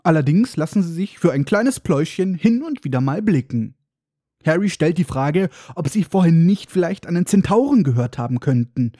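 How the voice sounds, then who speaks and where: A man's voice: a little high, animated, moderate pace, dark tone, no room sound, clean studio sound. A man hosting a casual book podcast, recapping chapters with sarcastic, irreverent asides. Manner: sarcastic, irreverent, mock-dramatic. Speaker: podcast host.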